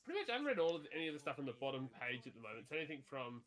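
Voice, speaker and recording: A man in casual stream chat, animated and opinionated. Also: medium pitch, racing.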